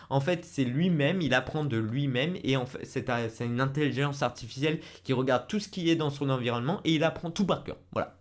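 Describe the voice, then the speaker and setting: Rambling young-sounding French man. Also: a little high. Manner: rambling, many fillers and self-corrections, laughs often. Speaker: manga reviewer. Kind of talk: casual video review.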